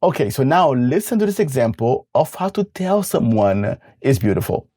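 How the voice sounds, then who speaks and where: A man's voice: medium pitch, big pitch swings, moderate pace, mellow, husky, no room sound, studio quality. A man teaching a language lesson, patiently walking through examples one at a time and repeating them. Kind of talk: instructional explanation.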